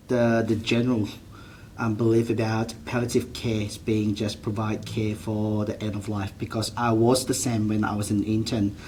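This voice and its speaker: This is a GP from Malaysia, a man in his forties whose fairly low, slightly mellow voice carries a Malaysian accent. Responding to an interviewer, he is earnest, frequently starts his sentences over, and uses non-standard grammar, against slight background noise.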